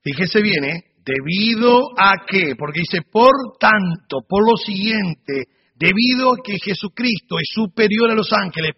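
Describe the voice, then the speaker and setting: A man teaching a Sunday school sermon, animated storytelling with humorous asides. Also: high-pitched, husky. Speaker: Bible teacher. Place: church hall. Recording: dull recording in a reverberant hall.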